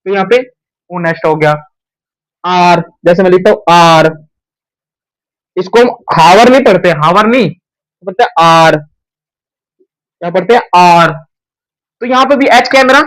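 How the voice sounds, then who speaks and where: A young male teacher explains grammar at a board with a fairly high voice. He poses each question to the class and answers it himself, often saying a word twice for emphasis. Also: measured pace, long pauses, a bit bright, rough recording. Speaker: English teacher. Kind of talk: whiteboard grammar lesson.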